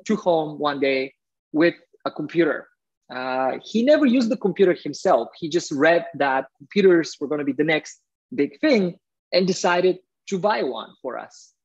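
A middle-aged man from Bulgaria presents to a young audience in an earnest, friendly way, his words often broken by "uh" fillers. His voice sounds a little husky. It comes through muffled, lo-fi video call audio. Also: a little high. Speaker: guest speaker, entrepreneur.

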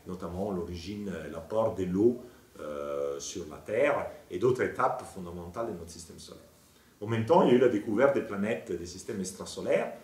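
A man, thoughtful and explanatory, pausing now and then to find his words. His voice sits low, and the recording carries the echo of an office lined with bookshelves, picked up from a distance off the mic. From Italy. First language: Italian. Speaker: planetary scientist. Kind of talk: interview monologue. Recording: roomy, from off-mic.

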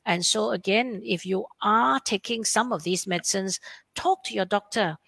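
A woman's voice: mid-range voice, moderate pace, creaky, a bit bright, breathy edge, no room sound. A woman endocrinologist with a Malaysian English accent answers webinar questions, explaining plainly and acting out what her patients say.

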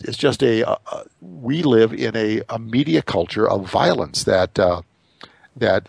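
Man, American, middle-aged, radio host, gravelly, husky, repeats words, dry sound. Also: fairly low pitch, no echo. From United States. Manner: repeats words often when starting sentences. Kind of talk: casual interview talk.

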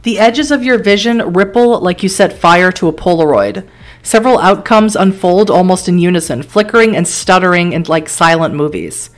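Low-voiced woman streamer reading game text. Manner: steady storytelling read broken by quick surprised asides; laughs between lines and weighs choices aloud. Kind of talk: reading interactive horror fiction aloud with live commentary.

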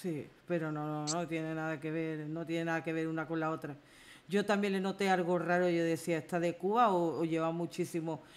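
A woman hosting a casual live stream, lively and teasing, often exclaiming and laughing. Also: low-pitched, a little fast.

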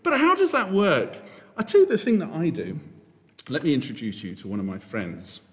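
A priest giving a playful, jokey school assembly talk and asking the children questions. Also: male voice, fairly high pitch, very animated, moderate pace, a bit bright. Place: church. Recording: reverberant church.

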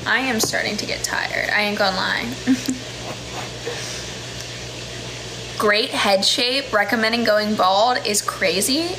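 A livestream host in her twenties, American-born with a General American accent, reads viewer comments in a casual chat full of laughs and fillers. Her fairly high voice moves slowly with long pauses. She records in a small indoor room on a close-up phone camera, and there is background noise.

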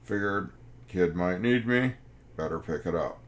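Slow, deep-voiced older male professor. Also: lively intonation. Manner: anecdotal, wry, acts out quoted voices. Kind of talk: storytelling lecture.

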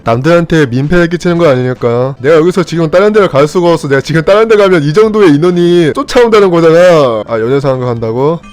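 A man's voice: a little high, darkish tone. A young man, a gaming YouTuber, chatting and teasing his viewers while commenting on his gameplay.

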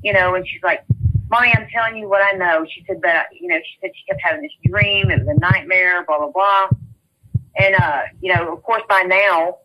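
A woman's voice: fairly low pitch, moderate pace, lo-fi sound. A middle-aged woman, a mother telling her story in an interview, rambling and often repeating "you know" and "I said.". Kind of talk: casual storytelling.

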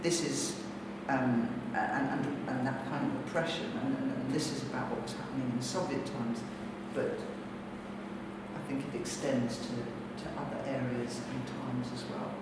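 Reading poetry and reflecting aloud to an audience, a middle-aged British poet speaks in deliberate, measured phrases with a bass voice and fairly even intonation. She's recorded on a distant camera microphone in a large, bare, brick-walled indoor gallery, so the hall sounds very echoey and noisy.

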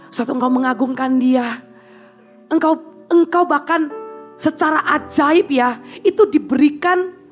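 Woman preacher w a really high voice, chatty sermon, jokes w the crowd, faint music behind. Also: fairly bright tone. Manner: chatty, playful asides to the audience; acts out prayers in a pleading voice. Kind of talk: conversational sermon.

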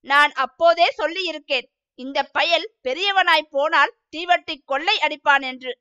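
A woman's voice: high voice, normal speed, pushed and bright, lo-fi sound. A woman voicing an older male village trustee gossiping about a local rogue, in a storybook reading. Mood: gossipy.

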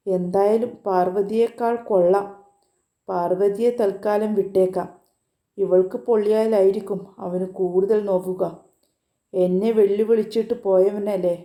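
A vengeful, sneering young thug with a very dark, mellow tone, voiced by a woman reading a story aloud. He talks angrily and plots payback. The storybook reading sits in a roomy, echoing space. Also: medium pitch, fairly even intonation, unhurried, long pauses, natural voice. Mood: menacing. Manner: angry, sneering. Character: hot-tempered young male thug, vengeful and scheming. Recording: roomy echo.

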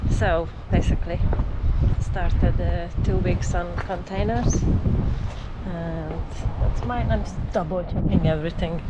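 Woman trucker in her 40s chatting slow from the cab, loud engine rumble behind her. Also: steady tone, dull audio. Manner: slow, thinking aloud with fillers and restarts. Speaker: truck driver vlogger. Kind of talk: casual vlog narration. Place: truck cab and outdoors at a port. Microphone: camera mounted in the cab. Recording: loud engine and road noise.

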